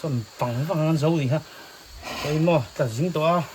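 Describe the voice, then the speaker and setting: Mid-pitched voice, casual outdoor chatter, noisy recording, water and sizzling behind. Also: moderate pace, darkish tone. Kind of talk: casual chat while out in the field.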